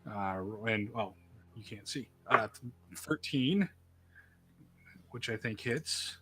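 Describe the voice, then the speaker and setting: A man narrating and running a tabletop game as game master, relaxed and halting, often laughing. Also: medium pitch, husky.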